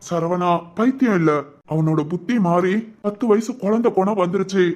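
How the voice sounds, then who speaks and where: A man playing a concerned village husband who speaks in a calm, matter-of-fact way. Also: high-pitched, moderate pace, lightly acted.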